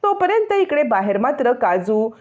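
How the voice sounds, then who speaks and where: Female narrator for serial recap, expressive, lo-fi. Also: a little high, moderate pace. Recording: dull lo-fi audio.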